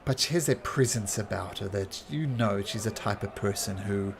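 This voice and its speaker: A man's voice: on the low side, normal speed, creaky, noisy background. A man improvising narration as the game master of a tabletop role-playing game.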